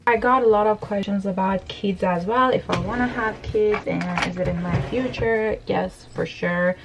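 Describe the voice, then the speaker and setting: There's background noise as this Iranian beauty blogger in her thirties talks at normal speed in a medium pitch. Seated in her bedroom before a camera on the desk, she does her makeup and fields Q&A questions in a candid, filler-filled get-ready-with-me video.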